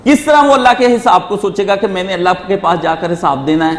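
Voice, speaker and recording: A man delivering a Friday sermon, firing rhetorical questions at his listeners and rising now and then to emphatic shouts. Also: high-pitched, lively intonation. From Pakistan. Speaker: preacher. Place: mosque hall. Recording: echoey hall reverb.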